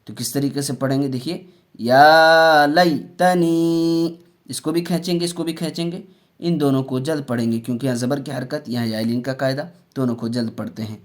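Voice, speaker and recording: A man teaching Quran reading, spelling out letters and syllables slowly and explaining rules in quicker asides. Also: medium pitch, steady tone. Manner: slow drawn-out syllable drills, then fast quieter explanations.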